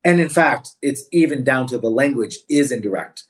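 A man's voice: medium pitch, lively intonation, normal speed. A man speaking as an interview guest about managing staff, telling anecdotes in a thoughtful, conversational way. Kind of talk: reflective storytelling in conversation.

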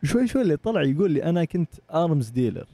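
Young man, Saudi Arabic accent, animated storyteller, slightly high pitch, dry sound. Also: very fast, dry recording. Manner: animated, acts out voices in anecdotes. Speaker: guest. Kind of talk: casual storytelling.

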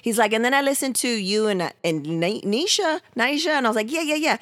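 This animated podcast host, a woman in her thirties from San Diego, chats casually with plenty of slang and frequent laughs. Her fairly high, slightly bright voice runs a little fast, with no room sound.

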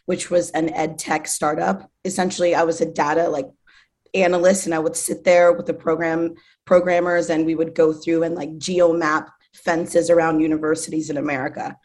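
This woman's deep, darkish voice stays level at a normal speed. She's a Zimbabwean artist manager in her thirties, chatting as a guest in a casual interview, enthusiastic and full of fillers.

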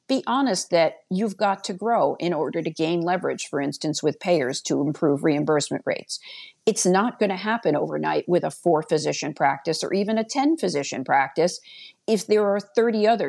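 A woman's voice: on the low side, gravelly, darkish tone. A woman giving earnest, plainspoken interview answers as a podcast guest. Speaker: podcast guest, healthcare business executive.

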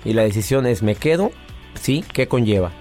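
A man hosting a podcast, talking in a warm, coaxing way and often repeating words. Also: on the low side, animated, normal speed, soft background music. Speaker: podcast host. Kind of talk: casual advice talk. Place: studio booth.

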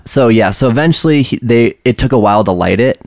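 A man's voice: mid-range voice, animated, fast talker, darkish tone, dry recording, studio quality. A man co-hosting a casual podcast in a wooden cabin, retelling stories informally and acting out bits of dialogue. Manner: informal, filler-heavy retelling with acted quotes. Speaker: podcast co-host. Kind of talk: casual storytelling.

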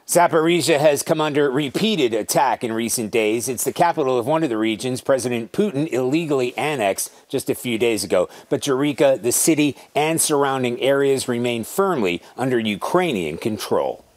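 A man's voice: mid-range voice, expressive, moderate pace, hardly any pauses, dry recording. A man reporting on a war as a foreign correspondent, reading a scripted news piece.

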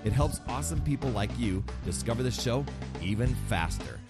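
Animated male fitness-coach podcast host. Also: fairly quick, loud music behind the voice. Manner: energetic, pitchy, salesy sign-offs. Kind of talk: upbeat motivational podcast monologue.

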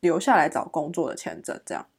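Husky-voiced fast-talking woman host. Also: deep voice, big pitch swings. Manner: asks questions briskly with short acknowledgements. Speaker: podcast host. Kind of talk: casual interview chat.

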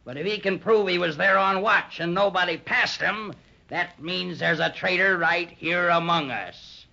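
This is a bullying, suspicious pirate captain from a radio adventure serial. The voice is high, piercingly hard and gravelly, barking sailor threats. It sounds like a dull old broadcast. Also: male voice, a little slow, sharp tone, heavily acted. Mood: angry, accusing. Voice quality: raspy, harsh. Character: bullying, suspicious pirate boss of a diamond gang.

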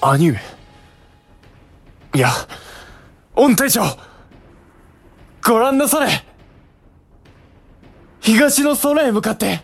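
A man playing a samurai herald, a general's younger brother, proclaiming loudly like a town crier in a period drama. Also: very high voice, animated, normal speed, pauses often, no echo, faint music behind. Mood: exalted. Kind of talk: period audio drama acting.

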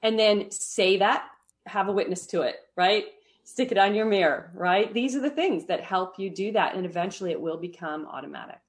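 A woman's voice: medium pitch, normal speed. Woman explaining meditation habits. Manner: explanatory, often tags "right?", light laughs. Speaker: meditation teacher guest. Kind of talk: podcast interview.

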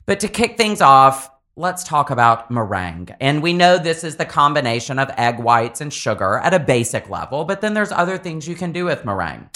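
Southern male podcast host, bright and enthusiastic, casual chat. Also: on the high side, very animated, brisk, hardly any pauses. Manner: enthusiastic, chatty.

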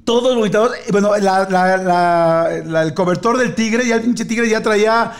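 A man with a Mexican Spanish accent, a podcast host telling a family story in casual chat, acting out voices with shouts and laughter. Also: high voice, normal speed.

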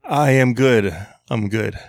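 A laid-back man co-hosts a podcast, easygoing and mid-pitched. The recording is dry and close, with no room sound. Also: slow pace, no room sound. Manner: laid-back, relaxed plugging. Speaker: podcast co-host. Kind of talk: casual chat.

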